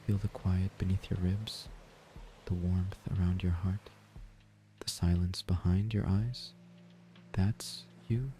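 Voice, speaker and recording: A man gives a slow, soft-spoken guided sleep meditation in a gentle, breathy near-whisper. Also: sits low, fairly even intonation, a little hiss or hum. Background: ocean waves and gentle music.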